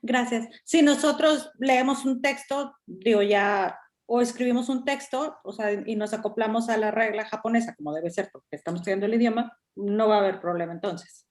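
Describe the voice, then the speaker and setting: Female student on a video call, slightly high voice, chatty, with hesitant restarts. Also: moderate pace, darkish tone. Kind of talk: casual class talk.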